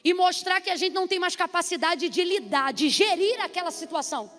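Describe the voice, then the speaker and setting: A woman pastor with a very high voice preaches in a large church hall, her words ringing with a long reverb. She draws out key words and keeps calling for responses from the congregation. Soft music sits faintly underneath. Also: expressive, fairly quick. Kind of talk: sermon.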